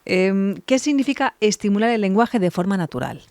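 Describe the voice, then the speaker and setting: A woman's voice: mid-range voice, expressive, fairly quick, darkish tone, no room sound, studio quality. A woman, hosting a podcast interview and asking attentive framing questions. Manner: attentive, asks framing questions with frequent backchannels. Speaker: podcast host.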